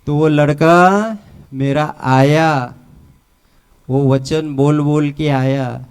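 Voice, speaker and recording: A middle-aged man with a Mumbai Hindi accent that mixes in Marathi words, telling his personal faith testimony at a church retreat in a halting, repetitive way. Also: fairly high pitch, fairly even intonation, smooth.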